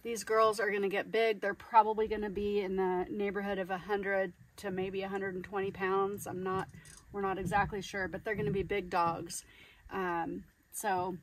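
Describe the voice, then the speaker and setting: A woman's voice: mid-range voice, little pitch movement, normal speed. Chatty woman filmed outdoors from afar. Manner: chatty, laughs easily. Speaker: homestead vlogger. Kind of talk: casual chat to camera. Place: outdoors on a desert homestead. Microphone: camera held at a distance. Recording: distant outdoor camera sound, faint noise.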